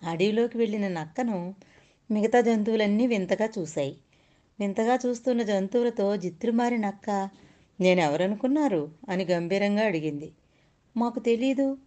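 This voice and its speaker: A woman narrating children's stories in a slow, clear storybook manner. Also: mid-range voice, warm tone.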